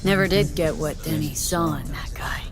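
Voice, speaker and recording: A woman's voice: low voice, normal speed. Doubled voice of an uploaded ghost mind voiced by a woman over game music. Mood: wry. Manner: sardonic, dry and teasing. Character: rock star's uploaded mind speaking through a young woman's body. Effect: two voices layered: a woman's voice with a man's digital ghost voice over it. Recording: game audio under music.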